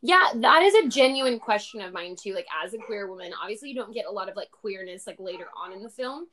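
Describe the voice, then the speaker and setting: An enthusiastic woman talks about a film in a casual chat, eagerly building on her partner's points. Her voice sits at a middle pitch. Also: quick pace, a crowd in the background. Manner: enthusiastic, animated, laughs often.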